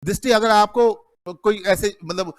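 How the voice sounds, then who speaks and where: A middle-aged man lectures a classroom, his voice pitched high and recorded dry and close. He keeps the students engaged by asking the same question again and again. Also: moderate pace, no room sound. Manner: calls students "beta", quizzes the class with repeated questions. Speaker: accounting teacher.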